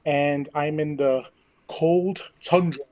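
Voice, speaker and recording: A man from New York City introducing himself as a guest on a remote call, his audio cutting in and out as he talks in a relaxed, plain way. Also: fairly high pitch, slow, dry recording. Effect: remote call audio breaking up, cutting in and out. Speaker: guest, podcast host. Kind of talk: casual interview chat over a remote call. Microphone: sitting far from his own mic on a remote call. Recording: dull lo-fi remote call line.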